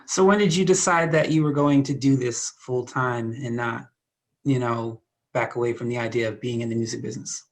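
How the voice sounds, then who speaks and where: Very low-voiced woman hosting a show. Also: steady tone, moderate pace. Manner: scripted, announcer-like delivery. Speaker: host. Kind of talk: show host introduction and interview questions.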